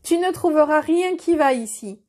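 A woman's voice: high-pitched, lively intonation, moderate pace, warm tone. A woman voicing mocking, scornful castle guards in a storybook, in a raised, taunting voice.

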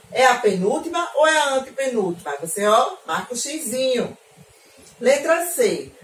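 A Brazilian woman teacher with a fairly high voice, patiently walking young children through their homework, repeating each step and slowing down to spell things out. She sounds set back from the mic in an echoey room, with a faint hiss underneath. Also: far from the mic. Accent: Brazilian Portuguese. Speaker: primary school teacher. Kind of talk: recorded homework explanation for children.

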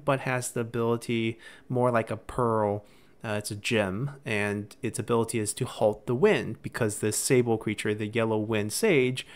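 A man hosting a game channel, retelling legends and explaining lore in an explanatory way with frequent "uh" fillers. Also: medium pitch. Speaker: gaming channel host.

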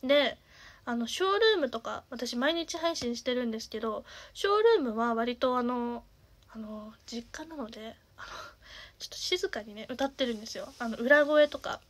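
A young woman in her twenties with a naturally nasal voice, chatting casually as a singer and streamer, with lots of fillers and the odd soft half-whisper. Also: a little high, moderate pace. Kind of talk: casual chat.

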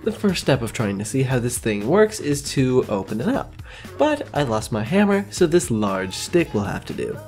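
A man's voice: mid-range voice, wildly swooping pitch, moderate pace, a little mellow, faint music behind. A man giving casual scripted narration as a video creator, with a wry, self-mocking manner. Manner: wry, self-mocking, mock-grandiose wording.

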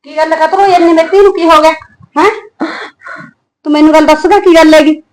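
A woman's voice: high voice, steady tone, fast talker, a little hiss or hum, lightly acted, poor audio. An actress playing a fiery, scolding mother with a Punjabi accent who curses her daughter's in-laws. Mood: angry. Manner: abusive, fiercely protective, scolding.

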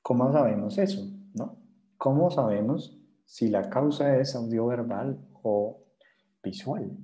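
A man's voice: medium pitch, takes it slowly, mellow, rough recording. A man with a Colombian accent giving a university lecture to psychology students, insisting on his points and often checking "¿sí?" or "¿vale?". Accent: Colombian Spanish. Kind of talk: classroom lecture.

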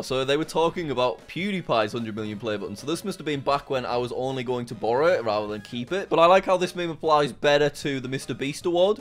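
A young English man hosting a casual vlog, talking to camera in a chatty, upbeat way and laughing often. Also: medium pitch. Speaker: YouTuber host.

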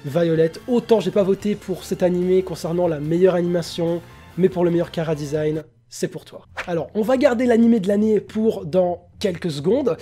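A man's voice: sits high, brisk, mellow, faint music behind. A young man giving casual, opinionated commentary, enthusiastic and hesitant with many fillers. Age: young adult. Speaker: anime YouTuber.

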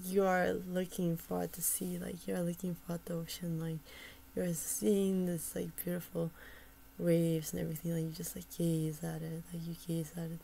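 Soft, creaky-voiced woman musing aloud. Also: lowish voice, slight background noise, rough recording. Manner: soft-spoken, often dropping to a whisper; hesitant, with many fillers and repeated starts. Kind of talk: casual chat about a poem and its translation.

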